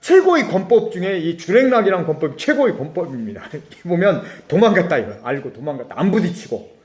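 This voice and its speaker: A middle-aged pastor from Korea preaching a sermon. His voice sits high and swings widely in pitch. He slips into acted-out dialogue and laughs as he tells a story. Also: quick pace, echoey room. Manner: animated, laughing asides.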